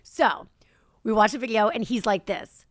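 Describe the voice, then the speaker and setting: A young woman hosting a podcast, chatting casually and telling an animated story with lots of giggles and swearing. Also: fairly high pitch, normal speed, no echo, studio quality. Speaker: podcast host. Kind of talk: casual chat.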